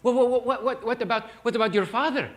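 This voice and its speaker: A man voicing a grieving old village shaman grandfather, crying and pleading in a high, strained voice. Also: quick pace. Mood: anguished.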